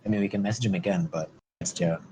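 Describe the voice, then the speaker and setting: Low-voiced man as game master. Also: fast talker, warm tone, poor audio. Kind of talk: improvised tabletop game narration and casual chat. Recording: faint background noise.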